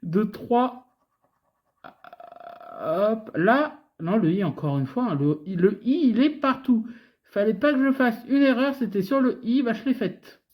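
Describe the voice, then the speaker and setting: Scratching lottery tickets on camera, this French-accented host from France keeps up a relaxed running commentary for her viewers. Her fairly high, slightly mellow voice is animated and a little slow. She chats away, talks straight to the audience, and strings letters together in sing-song repetitions.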